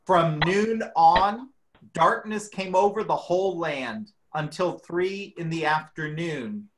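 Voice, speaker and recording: A woman giving a dramatic scripture reading in a measured, deliberate manner. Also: fairly low pitch. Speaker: scripture reader.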